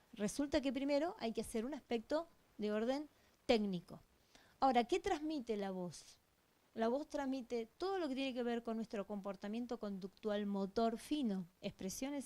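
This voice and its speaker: A woman with an Argentine accent lectures at a conference, her slightly high voice soft and mellow. She teaches by posing rhetorical questions and answering them herself, speaking into a microphone on stage. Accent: Argentine Spanish. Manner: didactic, many rhetorical questions. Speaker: police voice-analysis expert speaker. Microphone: handheld or stand microphone.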